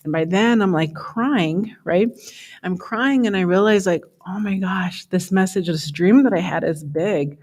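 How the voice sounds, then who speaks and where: A woman's voice: on the low side, measured pace, a little mellow. A middle-aged woman speaking at a summit, telling a personal story in a loose, conversational way, often repeating "he says" and "you know".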